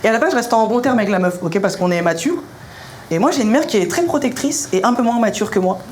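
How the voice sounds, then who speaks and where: A young man performing punchy stand-up comedy in colloquial, slangy language, telling animated stories and acting out dialogue. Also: high voice, quick pace. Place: live comedy venue. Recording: live show recording with clear noise.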